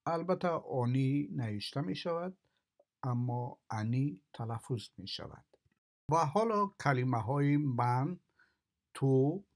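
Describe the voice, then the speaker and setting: A male language teacher works through words and simple sentences one at a time. His delivery is slow and methodical, and he repeats each pattern in the same steady way. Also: mid-range voice. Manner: deliberate, repeats phrases in patterns. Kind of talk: slow drilling of vocabulary.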